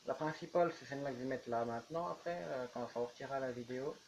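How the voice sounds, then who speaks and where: A man's voice: mid-range voice, fast, creaky, darkish tone, muffled recording, a little hiss or hum. A man chatting casually while building in a game, rambling on as he goes. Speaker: YouTuber. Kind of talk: casual gameplay commentary.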